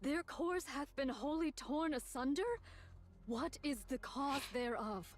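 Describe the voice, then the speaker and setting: A woman's voice: high voice, lively intonation, unhurried, soft background music. A woman voicing a formal, archaic-speaking game character with a theatrical manner. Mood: musing. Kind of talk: video game voice acting.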